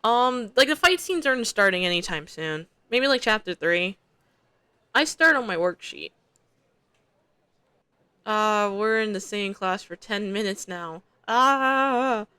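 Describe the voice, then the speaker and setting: A young woman reads a visual novel aloud on stream, breaking off into chatty, slangy comments. Her voice sits at a middle pitch in a dry, close recording. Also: animated, a little slow, long pauses, sharp tone, smooth, dry recording. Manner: chatty, slangy asides between narration.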